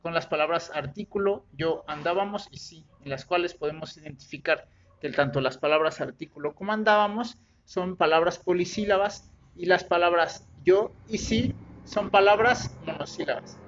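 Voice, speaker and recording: A man's voice: high-pitched, moderate pace, a bit bright, dull audio, a little hiss or hum. A man teaching in a methodical, explanatory way, with occasional slips and self-corrections. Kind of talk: recorded lesson explanation.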